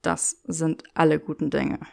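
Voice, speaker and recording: A woman voicing a lovestruck young wizard, speaking low and wry. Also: level tone, unhurried, vocal fry, warm tone, exaggerated voice. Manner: murmured, wry.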